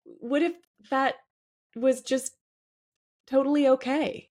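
A woman co-hosting a podcast and working as a coach, talking in a reflective, halting way with many fillers. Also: high-pitched, fairly even intonation, darkish tone. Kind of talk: casual podcast conversation.

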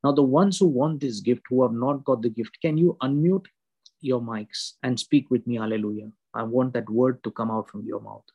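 A man's voice: mid-range voice, normal speed, husky, dull audio. A man leading an online prayer meeting over a video call, praying fervently and repeating his words. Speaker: prayer leader.

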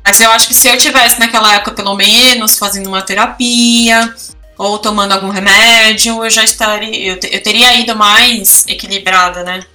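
Expressive woman, bright voice. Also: medium pitch, normal speed, distant mic, faint music behind. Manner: expressive, tells personal stories with feeling. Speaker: podcast co-host. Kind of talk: casual podcast chat.

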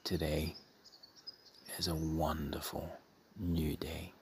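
A man softly leading a guided meditation in a breathy, soothing half-whisper, with measured phrases and long pauses. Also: extremely low pitch, level tone, a little hiss or hum.

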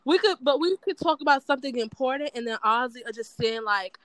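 A young woman hosting a podcast, chatting casually in an animated, teasing way and laughing often. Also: high voice, a little fast, noisy background. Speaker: podcast host. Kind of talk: casual chat.

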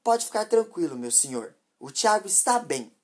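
A woman's voice: lowish voice, big pitch swings, normal speed, slightly rough. A woman voicing a harsh, impatient mother who scolds sharply and dismissively. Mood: scornful.

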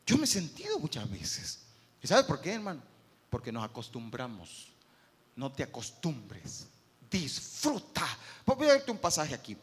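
Male pastor, high lively voice, big echoing church hall. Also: unhurried, husky. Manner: animated preaching, swings from soft to loud, acts out churchgoers. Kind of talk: sermon. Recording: long hall reverb.

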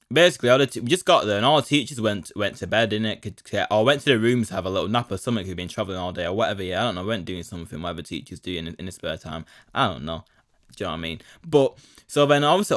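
Rambling young man, low voice. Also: no room sound, clean studio sound. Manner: rambling, slangy, full of fillers and 'do you know what I mean'. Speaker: podcast host. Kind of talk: casual solo storytelling.

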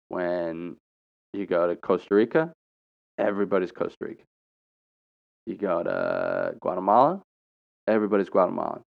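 A young man from America talks off the cuff in a loose vlog ramble, circling back and restarting his sentences as he thinks. His voice sits fairly low. The recording sounds a little dull and lo-fi. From United States. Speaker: traveler sharing opinions. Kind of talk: casual vlog monologue.

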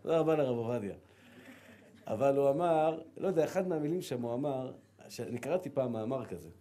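A middle-aged rabbi from Israel giving a sermon, telling stories with lively acted-out dialogue and repeated words. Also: male voice, mid-range voice, slight background noise. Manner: animated storytelling, acts out dialogue and repeats words.

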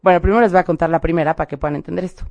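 A young woman with a Mexican accent, hosting a podcast and casually telling a personal story to her listeners in a slangy, animated way. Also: lowish voice, racing, vocal fry, lo-fi sound. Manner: animated, slangy, acts out quoted dialogue. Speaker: podcast host giving spiritual messages.

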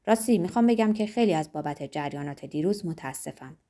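Woman doing an apologetic young guy, voice pushed down low, earnest and sheepish. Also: expressive, warm tone, natural voice. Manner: earnest, ashamed. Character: young man, anxious and apologetic. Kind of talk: audiobook reading.

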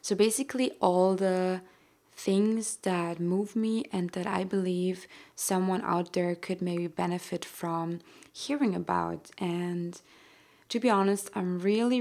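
Slow and gently rambling, a young Austrian woman talks through her casual solo podcast with an Austrian German accent. Her voice is a bit low for a woman and gravelly, and she fills it with soft laughter and frequent "um"s.

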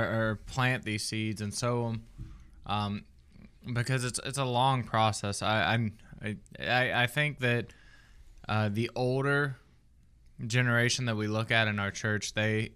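Man, podcast co-host, smooth clear voice, halting delivery, stops and restarts a lot. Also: on the low side, fairly bright tone. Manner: halting, many restarts and fillers. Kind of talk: casual chat.

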